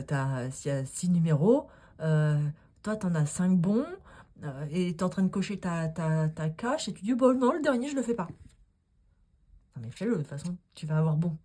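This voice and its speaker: Low, husky woman reading tarot cards. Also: normal speed, warm tone. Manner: chatty, encouraging, speaks straight to the viewer; rambling, with many fillers and asides. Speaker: tarot card reader. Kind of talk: casual tarot reading vlog.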